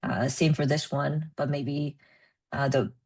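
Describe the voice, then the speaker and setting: A woman presenting at a research meeting, explaining with many ums and pauses. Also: low-pitched, level tone, darkish tone. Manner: hesitant, many ums and uhs.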